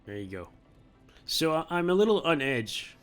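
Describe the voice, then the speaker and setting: A man's voice: a little high, big pitch swings, moderate pace, clean tone, faint music behind. A man hosting a gameplay video, talking himself through careful moves in casual commentary and chuckling now and then.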